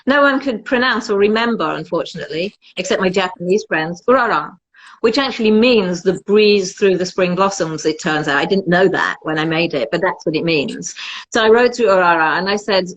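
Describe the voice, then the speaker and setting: A woman's voice: fairly low pitch, animated, fairly quick, low-quality recording. A woman, a perfumer chatting as an interview guest in a self-mocking, jokey way. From Britain. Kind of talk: casual interview chat.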